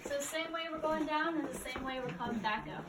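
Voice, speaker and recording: Cave guide, woman, high voice, informal explanatory delivery, distant mic inside a cave. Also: fairly quick, background noise. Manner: casual, frequent "like" and "kind of". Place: inside a cave, speaking to group.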